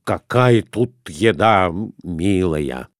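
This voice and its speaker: A man voicing a jittery middle-aged husband, fretful and hurried, pleading to get away fast. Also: deep voice, lively intonation, no room sound, studio quality, voice pushed down, heavily acted.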